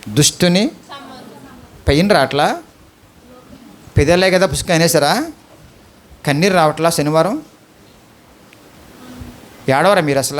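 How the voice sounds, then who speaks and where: A male pastor with a high-pitched voice and an Andhra Telugu accent preaches a sermon, pleading with his congregation and peppering them with questions.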